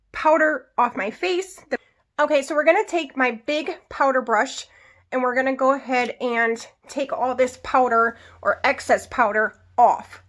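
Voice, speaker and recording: A woman's voice: high-pitched, fairly bright tone. A woman vlogger chatting casually through a get-ready-with-me makeup tutorial, explaining each step and adding little asides. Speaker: beauty vlogger.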